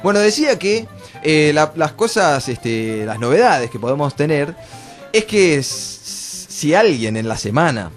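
High-voiced Argentine male radio host. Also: very animated, measured pace, soft background music. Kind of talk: informal live radio hosting.

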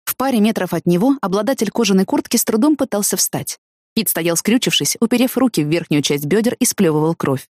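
A woman narrating a first-person audiobook with expressive storytelling. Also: medium pitch, a little fast, dry recording, studio quality.

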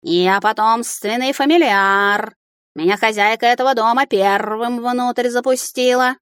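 A woman's voice: on the high side, a little slow, fairly bright tone, clear, resonant tone, no echo, clean studio sound, voice pushed up. A woman voicing a yowling pompous male cat. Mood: indignant yowling. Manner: yowling, indignant. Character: brash male cat familiar, pompous and loud.

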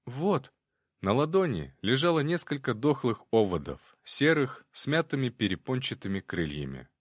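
A man reading an audiobook in calm, measured scripted narration. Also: mid-range voice, dry recording, clean studio sound.

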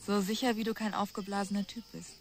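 A woman's voice: medium pitch, flat delivery, fast talker, lightly acted. Actress as a teasing young woman. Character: young woman out to see a forest fire. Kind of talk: radio drama acting.

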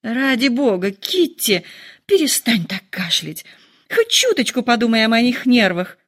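A woman voicing a nervous, excitable middle-aged mother who complains in shrill, dramatic outbursts. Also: a little slow, exaggerated voice. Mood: fretful.

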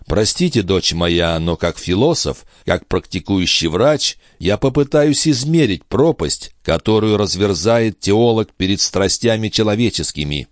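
A man reading an older male doctor in an audiobook, measured and gently lecturing. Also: lowish voice, dry recording, clean studio sound, pitched above the performer's own voice.

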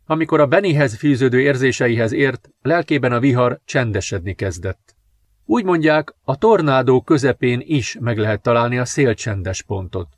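A man narrating a novel in a calm, measured reading. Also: medium pitch, dry recording. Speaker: audiobook narrator. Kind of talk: scripted narration.

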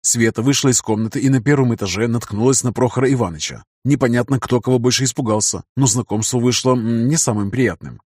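A man's voice: medium pitch, quick pace, few pauses, a little mellow, husky, dry recording, studio quality. A man narrating a first-person audiobook in a casual, wry storytelling manner.

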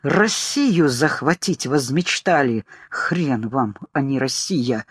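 A man's voice: mid-range voice, lively intonation, takes it slowly, breathy edge, no echo. A man voicing a grim male co-pilot in a storybook, scornful and unbowed, his voice firming as he goes. The sound is close and dry. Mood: defiant. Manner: scornful, strengthening voice.

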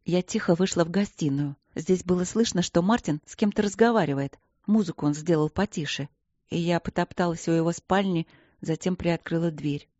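A woman narrating an audiobook in the first person, calm and reflective. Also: lowish voice, moderate pace, no echo, highs cut off.

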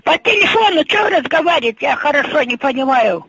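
A woman's voice: high voice, lively intonation, fairly quick, a bit bright, no room sound, low-quality recording. An older woman on the phone who cannot hear well, repeating herself in confusion.

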